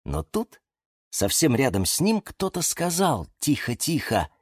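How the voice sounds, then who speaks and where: Man reading a kids storybook, slow, lively pitch, dry close sound. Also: slightly rough, no echo. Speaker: narrator. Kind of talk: storybook narration.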